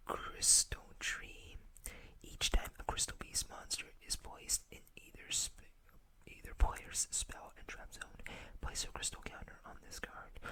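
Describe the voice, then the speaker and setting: Whispering softly and without hurry into a close mic, a host reads card game text ASMR-style, adding small asides as she goes.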